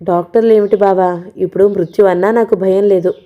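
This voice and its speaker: A woman performs a sick young woman in a storybook reading, her mellow dark voice soft, slow and resigned. She pleads gently, worn down by illness. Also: mid-range voice, steady tone, muffled recording, natural voice. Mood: weary pleading.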